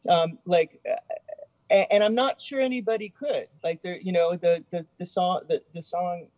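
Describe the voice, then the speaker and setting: Halting, hesitant woman thinking aloud. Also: on the low side, fairly even intonation, darkish tone, no room sound. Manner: hesitant, halting, many fillers. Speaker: panel guest. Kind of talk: casual discussion.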